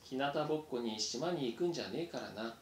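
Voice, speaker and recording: A man doing Yossho, a gruff rough mouse. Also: lively intonation, a little fast, close to an everyday voice. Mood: scornful. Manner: rough, blunt street talk. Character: gruff rough-talking male mouse leader. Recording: roomy echo, faint rumble.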